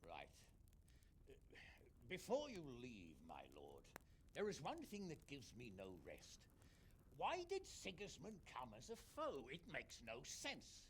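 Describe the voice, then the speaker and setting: Gravelly, animated medieval lord. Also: male voice, fairly high pitch, a little slow, slight background noise, heavily acted. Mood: puzzled, courteous. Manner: formal, emphatic. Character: testy medieval nobleman uncle, blunt and questioning. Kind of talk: scripted dramatic game dialogue.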